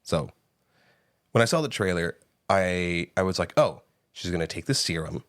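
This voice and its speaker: A man co-hosting a podcast, giving a casual, animated movie review with frequent swearing and laughter, close on the mic. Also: low voice, moderate pace, no echo. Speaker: podcast co-host. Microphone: close studio mic.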